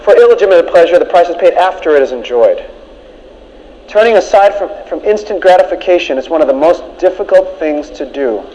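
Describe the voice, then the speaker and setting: Male preacher, sermon, emphatic, repeats his points, fairly high voice, lo-fi muffled sound. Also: lively intonation, fairly quick, warm tone. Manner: emphatic, repeats key lines. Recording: dull lo-fi recording.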